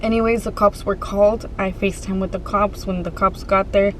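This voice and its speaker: A woman vlogger telling a personal story to her viewers in a casual, conversational way, pausing and restarting as she goes. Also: mid-range voice, steady tone, fairly bright tone, slight background noise, poor audio.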